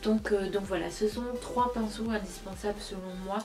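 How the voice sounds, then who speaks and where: A woman's voice: medium pitch, steady tone, moderate pace, over music. A young woman reviewing a makeup palette for her channel in a casual, enthusiastic way, often repeating words for emphasis. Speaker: beauty vlogger.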